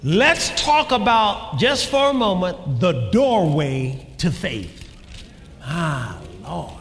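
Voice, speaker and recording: A man preaching a sermon, calling out to the congregation and shouting lines for emphasis. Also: high voice, big pitch swings, takes it slowly. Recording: long hall reverb, faint ambience.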